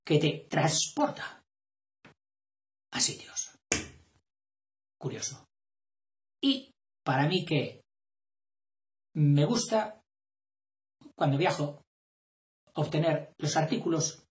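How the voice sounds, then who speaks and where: A man's voice: fairly high pitch, roomy sound. A man giving an informal video lesson, explaining in a rambling, conversational way and often checking in with tag questions. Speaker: teacher.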